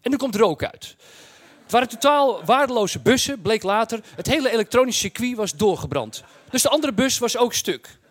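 A man telling a casual anecdote in a colloquial, blunt and animated way, acting out bits as he goes. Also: extremely high pitch, moderate pace, no room sound. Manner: acts out dialogue and sound effects. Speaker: storyteller recounting his travel experience.

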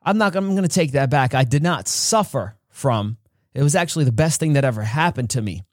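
A man hosting a podcast, telling a personal story in an earnest way and acting out quotes with big jumps in pitch. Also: expressive, a little fast, dry recording, studio quality. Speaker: podcast host.

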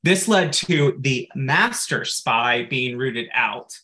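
A man's voice: mid-range voice, animated, slow pace, pushed and bright. A man co-hosting a podcast in casual chat, recapping game lore at length and dropping in frequent "like" asides. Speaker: podcast co-host.

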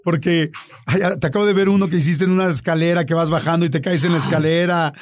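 A man with a Mexican accent hosting a casual podcast chat, animated and jokey, steering his guests. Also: a little high, fast. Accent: Mexican Spanish. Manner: animated, jokey, directing the others. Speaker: host.

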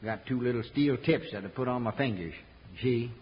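A man's voice: mid-range voice, brisk, dull audio, lightly acted. Man playing a drawling old prospector, echoey noisy recording. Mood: confessing. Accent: rural American Western. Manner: drawling, colloquial. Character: folksy old gold-miner man, crafty but sheepish. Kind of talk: 1950s radio western acting.

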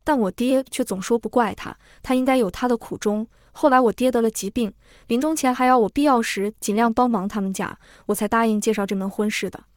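A woman's voice: fairly high pitch, a little fast, dry recording, clean studio sound, lightly acted. A woman voicing an impatient male innkeeper who grumbles with irritation. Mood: grumbling.

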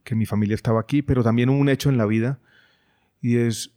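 A middle-aged man, a guest in an interview, speaking in a thoughtful, measured way with frequent hesitations. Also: medium pitch, steady tone, warm tone. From Colombia. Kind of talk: reflective conversation.

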